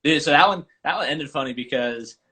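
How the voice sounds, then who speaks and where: A man, a golf coach and podcast host, telling stories in an animated casual chat over a live video call. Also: a little high, fairly quick. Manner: animated, chatty storyteller.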